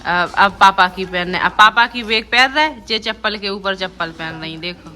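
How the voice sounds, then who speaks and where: This young mother and vlogger from Bundelkhand, India, has a Bundeli accent and a mid-range voice with a sharp tone, speaking at normal speed. Filming a casual family vlog at her village home, she chats and teases while talking to and about her kids.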